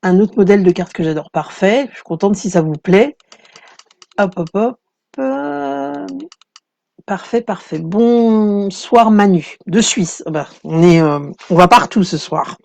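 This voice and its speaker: A woman leads a live craft tutorial from her desk, talking to the camera in a relaxed, rambling way full of fillers. Her voice is soft and mellow. She breaks off often to greet viewers and read their comments. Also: medium pitch, a little slow, vocal fry. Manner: chatty, reads out viewer comments, many fillers. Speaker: craft workshop host.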